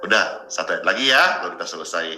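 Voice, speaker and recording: A man's voice: low-pitched, animated, fast, bright, forceful tone, echoey room, slight background noise, low-quality recording. A male pastor preaching a sermon to viewers in a chatty, joking way.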